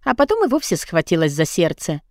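A woman narrating a novel in the first person, in an even storytelling manner. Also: on the low side, fairly quick, dry recording, studio quality. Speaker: audiobook narrator.

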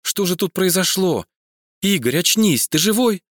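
A man's voice: animated, unhurried, dry recording, clean studio sound. A man voicing Galina, a frightened, caring young woman translator, in a crime audiobook. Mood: worried. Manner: high, urgent cries.

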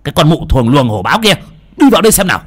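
A man's voice: sits low, big pitch swings, a little fast, a little mellow. A man voicing a blunt, hot-tempered young exorcist who scolds sharply. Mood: furious scolding.

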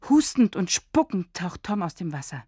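A woman narrating a scripted radio drama for children in a calm, measured storytelling manner. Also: fairly low pitch, breathy edge, no room sound, studio quality.

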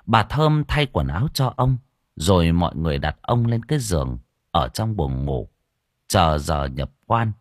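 Low expressive male storyteller. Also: a little slow, dry recording, studio quality. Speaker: audiobook narrator. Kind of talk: scripted story narration.

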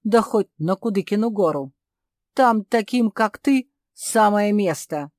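A woman voicing a pompous, bullying male dog father who shouts harshly. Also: lowish voice, slow, no echo, studio quality. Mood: angry.

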